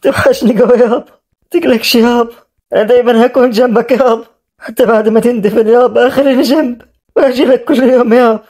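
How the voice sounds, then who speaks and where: A man with an Egyptian accent voicing a grieving young son who begs to stay by his dead father in an animated drama. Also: extremely high pitch, fast. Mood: tearful. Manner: tearful, pleading.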